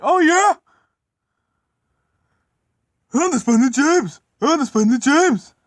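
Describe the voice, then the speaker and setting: A man's voice: a little high, very animated, quick pace, fairly bright tone, dry recording, clean studio sound. A man voicing a vain, boastful male engine, showy and self-admiring.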